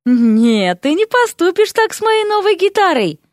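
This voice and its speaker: A woman's voice: very high-pitched, very animated, a little slow, dry recording, clean studio sound, pitched above the performer's own voice, full character voice. A woman voicing a showy young male wizard student who sings terribly and protests in a whiny, theatrical way. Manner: loud, off-key, theatrical singing and whining.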